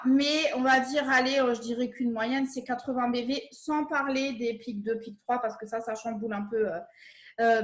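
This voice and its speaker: A woman's voice: fairly high pitch, roomy sound. A woman with an Alsatian accent from France, giving an enthusiastic, laughing talk as a guest trainer on a video call.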